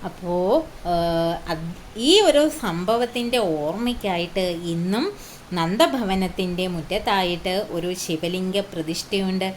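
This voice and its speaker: A woman with a fairly low voice and a little hiss or hum tells a devotional story in an unhurried, casual way. She pauses often and asks her listeners questions.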